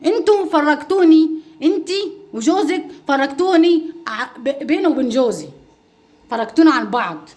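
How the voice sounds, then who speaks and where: A woman's voice: high-pitched, expressive, moderate pace, a little mellow. A middle-aged woman speaking as a mother and home-cooking vlogger, pleading and emphatic as she repeats herself in a livestream reply to critics.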